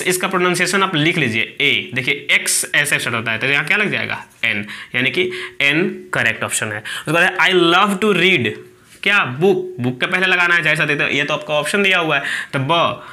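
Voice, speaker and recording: A man's voice: fairly high pitch, bright, forceful tone. A man teaching a grammar lesson, explaining step by step and answering his own questions.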